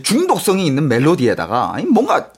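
A man in casual chat, explaining popular catchphrases and acting out movie lines with animated energy. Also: a little high, fairly quick, slightly rough. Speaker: guest explaining Chinese pop culture.

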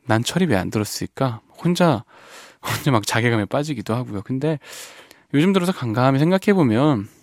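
A man hosting a radio show in a studio, reading listener messages and reflecting on them in a soft, gentle way that often trails off quietly. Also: mid-range voice, lively intonation, a little fast, no room sound. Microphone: studio microphone.

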